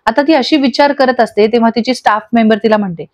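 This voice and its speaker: A woman narrating a recap of a TV serial episode in brisk storytelling. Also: a little high, darkish tone. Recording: dull lo-fi audio.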